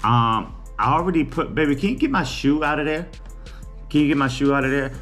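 A man's voice: a little high, expressive, brisk, fairly bright tone, soft background music. A man, chatting casually to camera in a small room about his day. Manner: chatty, laid-back, teasing. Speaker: vlogger. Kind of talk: casual chat. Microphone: camera on a table.

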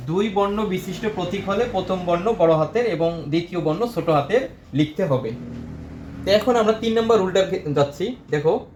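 A man, teaching a chemistry lesson at a board and answering his own questions. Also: a little high. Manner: repeats questions and answers them himself. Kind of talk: classroom lesson, explaining at a board. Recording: echoey room, faint background noise.

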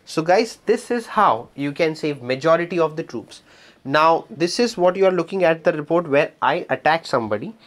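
A man's voice: a little high, animated, moderate pace. A man hosting a gaming channel, walking viewers through a strategy game guide with patient, repetitive explanations, addressing them as his dear friends. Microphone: voice-over on screen recording.

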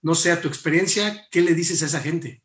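A man's voice: a little high, fairly quick, fairly bright tone, echoey room. A man hosting an interview, asking long, rambling questions in a casual tone. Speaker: interviewer, host.

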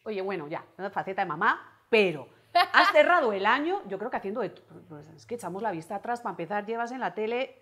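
A woman's voice: medium pitch, lively intonation, fast talker, a bit bright. A woman hosting an interview, asking eager questions. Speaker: host.

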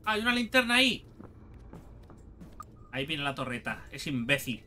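Un hombre con acento de España que comenta una partida de un videojuego de forma desenfadada, grita a los monstruos y suelta tacos a cada rato. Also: male voice, a little high, normal speed, a little hiss or hum. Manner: excitable, shouting and swearing at monsters. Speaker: gaming YouTuber. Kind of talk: casual let's-play commentary.

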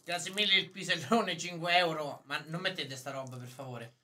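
A man's voice: on the high side, moderate pace, pushed and bright. A young man hosting a casual cooking live stream, swearing freely and talking straight to his viewers. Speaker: streamer host.

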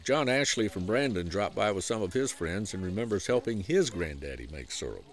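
A man with a Southern US accent narrating a documentary feature in a folksy, unhurried storytelling way. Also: fairly low pitch, animated. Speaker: program host and narrator. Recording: voice-over with music underneath.

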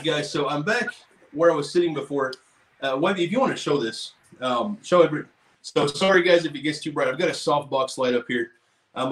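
A man's voice: on the high side, a bit bright, slight background noise. A young man hosting a casual cooking livestream from his home kitchen, talking loosely with lots of fillers. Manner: chatty, loose, many fillers. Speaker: cooking show host.

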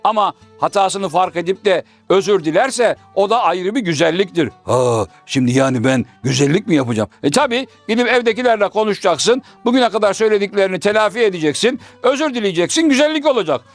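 A man's voice: sits high, animated, fast talker, hardly any pauses, no echo, soft background music. A man voicing a learned, moralizing male shadow-puppet scholar who lectures and quotes proverbs, in a traditional puppet comedy. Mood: preachy.

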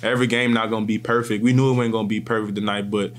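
In a press room in front of a sponsor backdrop, a young college football player in his twenties answers post-game questions through table microphones placed in front of him. His voice is on the low side, and he responds calmly and in a measured way, with frequent restarts.

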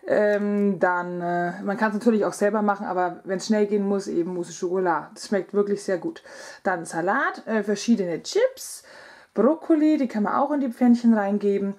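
A woman's voice: medium pitch, normal speed, darkish tone. A woman in her thirties narrating a casual vlog in a chatty manner, talking straight to her viewers. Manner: chatty vlogger presenting items, addressing viewers directly. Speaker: vlogger. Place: indoors at home, kitchen.

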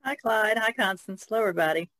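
A woman's voice: medium pitch, fast, fairly bright tone. An American woman introducing herself and chatting as a podcast co-host. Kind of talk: casual podcast introduction and chat.

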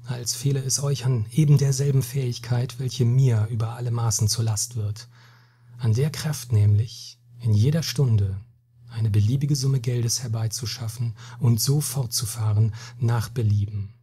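A weary Spanish captain with a burden on his conscience, speaking slowly and gravely and turning scornful when crossed, as a male reader puts him on. The voice is dark and mellow, and deeply husky and breathy, in a storybook reading. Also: fairly even intonation. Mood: solemn. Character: weary, hot-tempered Spanish captain, middle-aged man.

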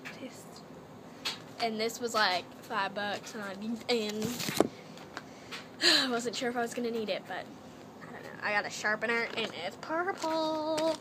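Recorded on a noisy laptop webcam in her small, cluttered bedroom, a young Canadian vlogger rambles through a casual haul video in a playful, put-on accent. Her voice sits on the high side and her pace is a little slow.

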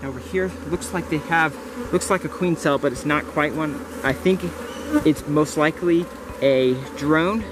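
A man's voice: a little high, normal speed. A young man vlogging outdoors on his homestead, explaining his beehives in a rambling way that keeps correcting itself. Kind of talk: casual vlog narration. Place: outdoors in a garden among bushes and beehives. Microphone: camera mic, handheld or close framing. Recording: outdoor camera audio with insect noise. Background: buzzing bees and insects.

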